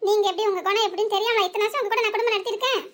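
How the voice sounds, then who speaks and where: Young cartoon wife, voiced by a woman; emotional and reproachful, very high-pitched, southern Tamil accent. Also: fairly even intonation, racing, fairly bright tone. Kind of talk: cartoon voice acting.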